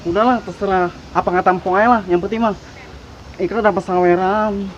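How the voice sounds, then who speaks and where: A man's voice: high-pitched, steady tone, fairly quick, dull audio, close to an everyday voice. Sassy drag queen for comedy skit, male actor, Jakarta Betawi accent, whiny and quarrelsome, noisy location sound. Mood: resigned.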